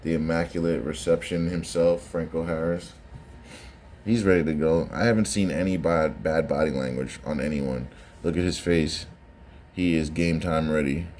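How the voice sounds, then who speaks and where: Very deep-voiced man giving casual commentary. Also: steady tone, normal speed, a little mellow, slight background noise. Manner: conversational, repeats phrases for emphasis. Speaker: sports reaction commentator.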